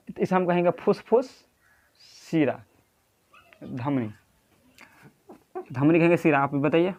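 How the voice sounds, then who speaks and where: A man with a Bihari accent teaching a lecture, who keeps asking the class questions and repeating key terms. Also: on the high side. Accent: Bihari Hindi. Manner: quizzing, repeats key terms, drawing at a board.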